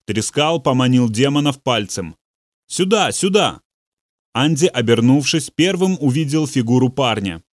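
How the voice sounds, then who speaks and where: Steady male audiobook narrator. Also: mid-range voice, no echo, clean studio sound. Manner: measured, steady storytelling. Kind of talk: audiobook reading.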